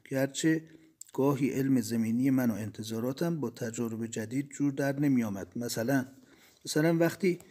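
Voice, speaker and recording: A man reading the part of a dead engineer who calmly recounts leaving his body. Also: mid-range voice, close to an everyday voice. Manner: measured, reflective storytelling.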